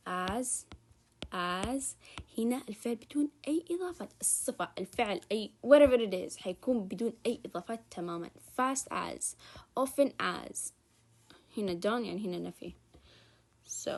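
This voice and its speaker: A young woman with a Hijazi Arabic accent, giving a casual recorded grammar lesson as a student tutor. She draws out her examples slowly and rushes through quick asides. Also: medium pitch, darkish tone. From Saudi Arabia.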